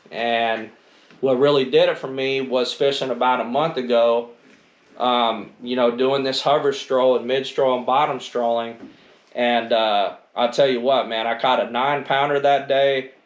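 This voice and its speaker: A man's voice: mid-range voice, highs cut off. A middle-aged American man chatting casually and colloquially about gear, peppering his talk with "man" and "you know". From northern United States. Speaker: angler presenting gear. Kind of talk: casual chat. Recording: roomy echo, faint noise.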